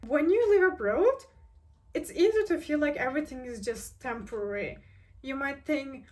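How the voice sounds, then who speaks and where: A woman's voice: high-pitched, expressive, moderate pace, darkish tone, distant mic. A woman of twenty-three from Turkey, talking earnestly to camera and thinking aloud, with lots of "like" and restarts. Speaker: vlogger. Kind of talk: casual reflective talk to camera.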